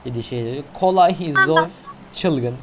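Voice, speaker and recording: A young man giving casual, slangy commentary over a mobile shooter game, getting loud and excited in tense moments. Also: on the high side, normal speed, heavy background noise. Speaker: gaming YouTuber.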